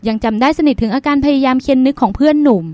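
A woman narrating a novel as an audiobook reader, in smooth, even storytelling. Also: high voice, rapid-fire, no room sound. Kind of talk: novel reading.

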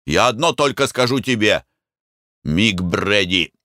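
A man's voice: lowish voice, lively intonation, measured pace, pushed and bright, no room sound, studio quality. A man voicing a proud, hot-headed young man who speaks in a heated, declamatory way.

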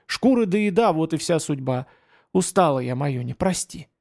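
A man's voice: on the high side, animated, normal speed, a little mellow. A male reader voicing a young Cossack woman who pleads with her partner in long emotional outbursts. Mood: weary.

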